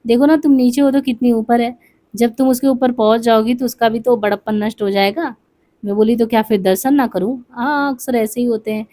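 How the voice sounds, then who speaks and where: A woman's voice: a little high, steady tone, a little fast, dark tone. A woman reading a memoir aloud for exam study, voicing its dialogue with small asides and restarts.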